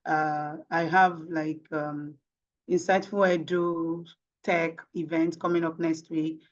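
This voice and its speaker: Interviewed as a guest, a tech professional from Nigeria with a Nigerian accent and Yoruba as her mother tongue responds emphatically, often posing rhetorical questions. She speaks slowly in a low voice with a level tone, and the audio is dull.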